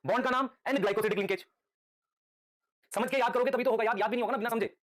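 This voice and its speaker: A male teacher giving a live lecture, patiently quizzing his students with quick repeated questions and calling them "beta". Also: very high-pitched, a bit bright.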